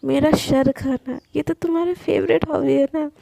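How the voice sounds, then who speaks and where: A woman's voice: high-pitched, fairly even intonation, moderate pace, gravelly, warm tone. A woman voicing a playful young woman who teases her friend and coaxes her with pleas, told as a spoken love story. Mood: teasing. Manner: teasing, coaxing.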